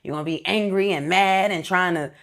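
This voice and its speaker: A woman in her thirties talks casually as a guest, earnest and reflective. Her voice sits a little low. She lays out her thinking step by step. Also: brisk, a bit bright. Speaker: entrepreneur guest. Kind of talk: casual interview chat.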